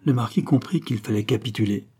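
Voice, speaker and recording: A man narrating a classic novel in a steady, measured reading. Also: mid-range voice, husky. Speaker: audiobook narrator.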